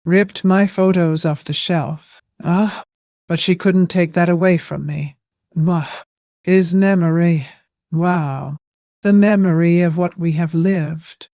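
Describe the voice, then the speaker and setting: An older woman tells a first-person story in an unhurried, hushed way. Her voice is mellow and dark, and the recording is dry and close, with no room sound. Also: on the low side, dry recording.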